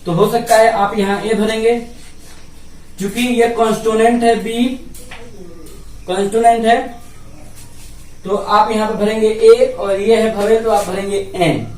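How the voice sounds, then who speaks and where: A man's voice: high voice, level tone, measured pace, pauses often, darkish tone. A man in the middle of a grammar lesson at a board, explaining patiently and going over each point more than once. He keeps asking the class questions and then answering them himself. His voice sounds roomy and a little distant from the mic, with faint noise behind it. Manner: patient, repetitive explaining with rhetorical questions to students. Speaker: teacher.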